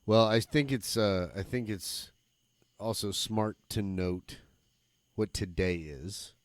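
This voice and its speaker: A man's voice: on the low side, takes it slowly, dry recording. A man co-hosting a podcast in casual chat, joking and swearing easily. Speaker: podcast co-host.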